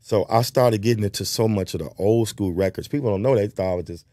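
Brief: low-pitched male guest, animated storyteller, dry close sound. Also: fast, no echo. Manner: animated storyteller, scats bass lines, says "bro" and "man" often. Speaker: guest bass player. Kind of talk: casual conversation, storytelling.

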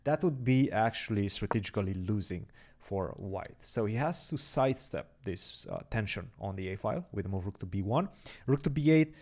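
A man's voice: fairly low pitch, lively intonation, normal speed, a little mellow. A young man giving chatty live chess commentary, thinking aloud about the moves and chatting with viewers.

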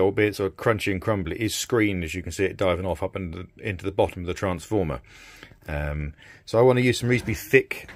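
Working at a bench in a small indoor workshop, a middle-aged radio restorer talks through a repair for his video in a lowish voice. He speaks casually and haltingly, thinking out loud, with no echo on the recording.

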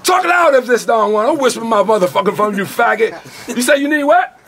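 A man from New York ranting boastfully and loudly on a live stream, taunting as he talks. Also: very high voice, lively intonation, fairly quick. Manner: boastful, loud, profane, taunting. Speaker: livestreamer. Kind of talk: brash live-stream rant. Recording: loud crowd around him.

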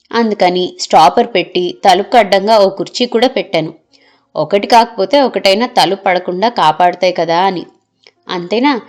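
Older woman telling a teasing home story. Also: medium pitch. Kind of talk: first-person audio story narration.

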